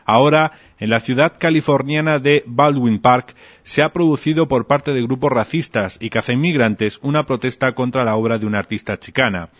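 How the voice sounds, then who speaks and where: A man anchoring a news program, reading story introductions in a clear, formal way. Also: mid-range voice. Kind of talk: read news report. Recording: dull lo-fi radio audio.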